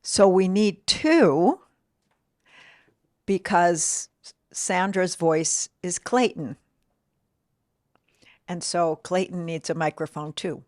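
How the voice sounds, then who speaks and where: A woman's voice: on the low side, takes it slowly, pauses often, darkish tone, no room sound, studio quality. A woman co-presenting an informal talk, explaining things plainly and checking in with rhetorical questions. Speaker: co-presenter from a deaf services center.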